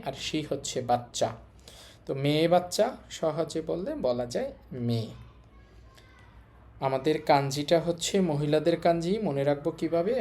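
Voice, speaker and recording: Teacher for a video lesson, mid-pitched, methodical, repeats each point. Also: darkish tone. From Bangladesh. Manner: explains step by step, repeats key points, asks and answers own questions. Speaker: language teacher.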